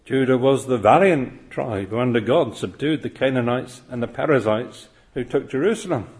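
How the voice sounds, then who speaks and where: A man's voice: medium pitch, normal speed, darkish tone. Male preacher, earnest expository sermon, rhetorical questions, mid-range voice.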